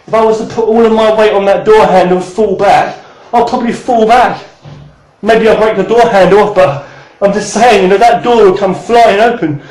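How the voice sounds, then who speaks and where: A man's voice: high-pitched, normal speed, darkish tone, echoey room, low-quality recording. A man in his thirties teaching martial arts in a rambling, casual way, swearing and then apologizing. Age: 30s.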